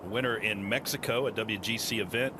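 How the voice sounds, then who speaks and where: A man's voice: lowish voice, brisk. A man working as a golf commentator, giving live analysis of televised play. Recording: noisy outdoor broadcast sound.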